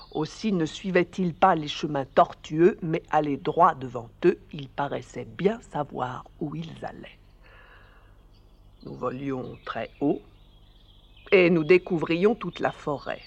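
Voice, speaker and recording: A wise old goose, voiced by a man, recounts a past journey for a radio story reading. She speaks unhurriedly, each phrase measured, in a somewhat raised voice. Her calm leadership shows in the steady delivery. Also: fairly high pitch, creaky, exaggerated voice. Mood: recounting. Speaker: storyteller figure.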